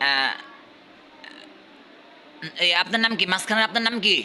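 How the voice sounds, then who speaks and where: A man from Bangladesh teaching at a madrasa, quizzing his pupils and repeating questions while urging them to answer louder. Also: high-pitched, expressive, a little slow, slight background noise. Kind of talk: classroom quizzing.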